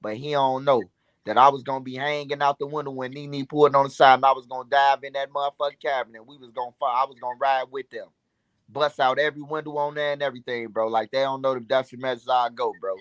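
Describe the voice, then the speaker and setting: A man hosts a casual livestream in an average-pitched voice. The sound is very dry, with no room around it. He talks in loose, slangy street speech, full of swearing, like someone swapping stories. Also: level tone, fast talker, a bit bright, no room sound, lo-fi sound. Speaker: livestream host. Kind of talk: casual livestream chat and storytelling.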